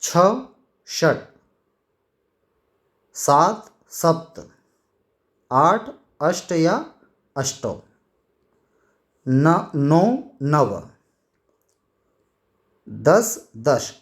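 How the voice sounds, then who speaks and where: Male teacher explaining grammar, slow and deliberate, repeats key words, slightly higher voice. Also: lively intonation. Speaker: Sanskrit teacher.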